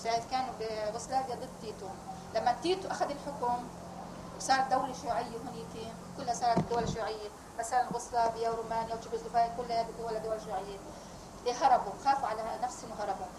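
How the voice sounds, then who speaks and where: An older woman from Palestine recounting family memories in a rambling, animated interview. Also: fairly high pitch, racing. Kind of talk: oral history recollection. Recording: roomy, loud vehicle noise.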